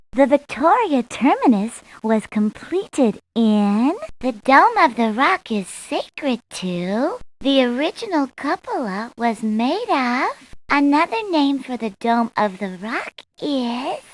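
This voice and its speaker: A woman voicing a sweet young cartoon princess in a video game, reading scripted quiz questions in a deliberate, clearly enunciated way. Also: on the high side, exaggerated voice, rough recording. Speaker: quiz character voice in an educational game.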